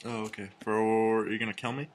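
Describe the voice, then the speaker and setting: A man co-hosting a casual comedy podcast, reading strange news stories and personal ads aloud with crude, deadpan jokes. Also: on the low side, fairly quick. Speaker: podcast co-host.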